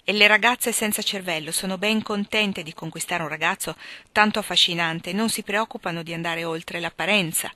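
A woman's voice: lowish voice, pushed and bright, dry recording. A woman reading aloud, voicing a stern, worried older aunt who questions her niece reproachfully.

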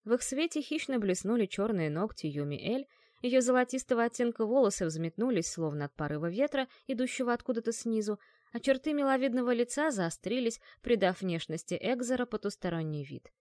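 A woman reads fantasy fiction aloud in a measured, expressive way. Her voice is fairly high. The recording is dry and close, with no room sound. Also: no echo. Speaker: audiobook narrator. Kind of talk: scripted narration.

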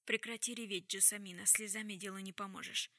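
A woman's voice: mid-range voice, fairly even intonation, fairly quick, bright, forceful tone, no echo, studio quality. A woman reading an audiobook, voicing a stern, composed woman who speaks in a cold, level way.

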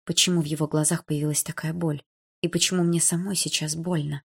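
Low-pitched lady narrating an audiobook, does little voices for the characters. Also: flat delivery, fairly quick, creaky, slightly rough. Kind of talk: scripted narration of a novel.

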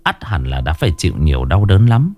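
A man narrating a horror story in a lively, expressive reading. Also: sits low, brisk.

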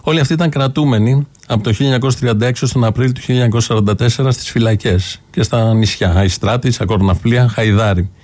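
A man narrating a documentary in a solemn, measured way. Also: mid-range voice, a little mellow.

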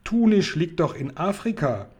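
A man doing a booming, bumbling friendly giant. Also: big pitch swings, moderate pace, darkish tone, husky, exaggerated voice. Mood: boisterous. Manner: booming, muddles his words.

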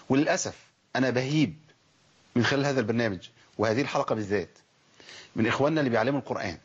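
Fast-talking Egyptian sheikh teaching recitation. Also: male voice, medium pitch, slightly rough, highs cut off. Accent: Egyptian Arabic. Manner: lively, demonstrates recited words slowly and stretched. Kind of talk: Egyptian colloquial lesson on letter pronunciation.

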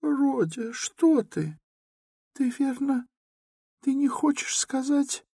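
A man reading an audiobook who voices an anxious, tearful elderly mother in a high, quavering, pleading voice. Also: slow pace, gravelly, darkish tone, breathy edge, dry recording, studio quality, heavily acted. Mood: fearful.

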